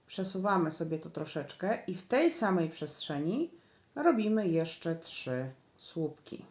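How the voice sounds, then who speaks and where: A woman's voice: fairly low pitch, big pitch swings, a little slow, darkish tone. A woman giving a patient, step-by-step crochet tutorial, counting stitches aloud as she works. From Poland. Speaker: crochet instructor. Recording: echoey room.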